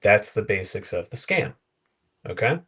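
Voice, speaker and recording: A man speaking as a guest in a casual panel chat over a video call, explaining with concrete examples and quick asides. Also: on the low side, very animated, fairly bright tone, breathy edge. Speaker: guest consultant.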